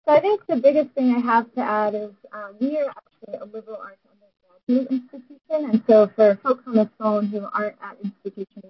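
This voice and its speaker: A woman speaking on a conference call as a college panelist, hesitant and halting, her voice faint and muffled because the phone mic is held away from her mouth. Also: a little high, husky. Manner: hesitant, halting, with many fillers. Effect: faint, muffled phone audio with the mic held away from her mouth. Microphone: phone headset.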